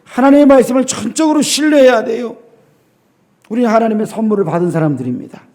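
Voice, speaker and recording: A middle-aged man preaching a sermon as a pastor in a church, emphatic, with rhetorical questions to the congregation and sudden drops to a quiet voice. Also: quick pace. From South Korea. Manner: swings between loud emphasis and low, quiet lines.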